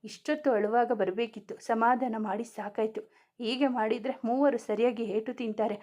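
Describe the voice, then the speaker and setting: A woman's voice: fairly high pitch, steady tone, moderate pace, a little mellow, lightly acted. Woman as a tired, sulky young mother. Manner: curt, weary retorts.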